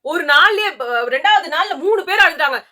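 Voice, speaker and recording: A woman reviewing a reality show promo in casual chat, animated and mocking as she talks over her co-host. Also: extremely high pitch, moderate pace.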